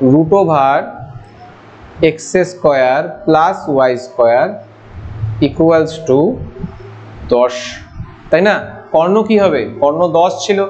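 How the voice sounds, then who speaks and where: A man teaching an online maths lesson over slides. He talks informally, asking his students questions and answering them himself. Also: sits high. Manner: informal, addresses students with familiar forms. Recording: dull lo-fi audio.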